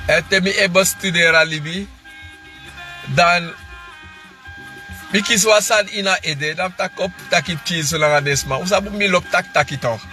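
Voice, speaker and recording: High, bright-voiced man. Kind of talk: casual monologue to viewers.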